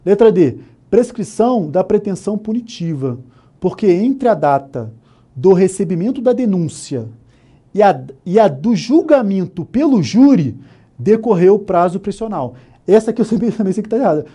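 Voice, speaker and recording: Mellow-voiced Brazilian law lecturer. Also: male voice, sits high, expressive, fairly quick, husky. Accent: Brazilian Portuguese. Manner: explains step by step, often asking "né?", "ok?", "tá?". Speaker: law instructor. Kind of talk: exam-prep lecture. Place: online course studio.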